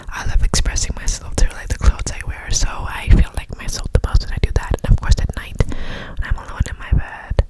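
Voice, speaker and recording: A young woman whispering breathily into cupped hands in ASMR style, reflecting in a hesitant, personal way. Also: poor audio. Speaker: ASMR host. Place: alone in a room at home.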